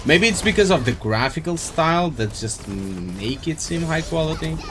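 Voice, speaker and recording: A man streams a game live, chatting casually and rambling as he thinks aloud. His voice is on the high side, sing-song, and moderately paced, with game music playing behind him.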